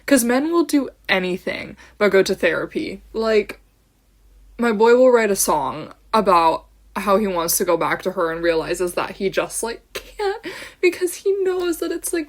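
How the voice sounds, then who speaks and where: A young woman hosting a casual solo podcast, chatting in a bubbly, rambling way, full of "like" and "um", drifting off on tangents and giggling. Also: medium pitch. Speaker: podcast host. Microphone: own camera.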